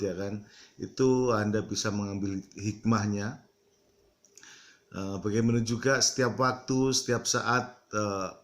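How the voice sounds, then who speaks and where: A middle-aged man from East Java talking casually to his viewers, halting often with fillers and slipping into English. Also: fairly low pitch, fairly bright tone. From East Java, Indonesia. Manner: halting, many fillers, mixes English into Indonesian. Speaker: vlogger. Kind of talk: casual talk to camera.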